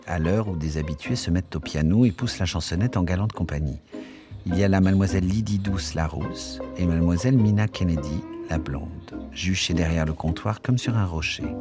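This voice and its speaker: A man narrating a literary text as an audiobook, measured and expressive. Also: low-pitched. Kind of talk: literary reading.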